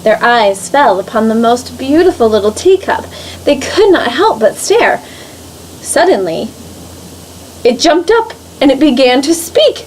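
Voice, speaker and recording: A woman narrating a storybook tale for an audition, measured and expressive. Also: high-pitched, slight background noise, poor audio. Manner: measured, expressive read-aloud. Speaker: story reader.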